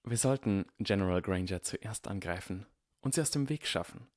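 A man's voice: fairly low pitch, moderate pace, a little mellow, no echo, studio quality, close to an everyday voice. A man reading aloud and voicing a proud, scheming aristocratic boy wizard who speaks in a wary, pointed way.

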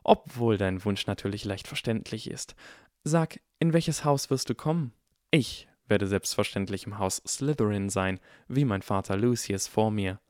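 A man's voice: lowish voice, measured pace, a little mellow, dry recording, studio quality, lightly acted. A man voicing a haughty, spoiled aristocratic boy wizard with an arrogant, drawling manner, in an audiobook. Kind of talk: audiobook character voice.

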